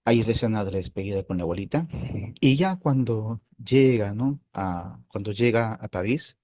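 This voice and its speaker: Man, fairly low voice, philosophy channel host, casual film commentary, hesitant, reflective. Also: expressive, moderate pace, mellow, no echo. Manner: thoughtful, hesitant, with frequent "eh" and tag questions.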